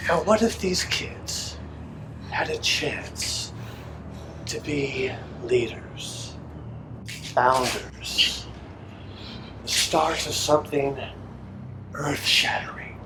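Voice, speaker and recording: An actor playing a calm, sinister male captor who speaks formally and persuasively, pausing deliberately mid-sentence. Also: fairly high pitch. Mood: quietly ominous. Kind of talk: film acting. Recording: noisy echoey room.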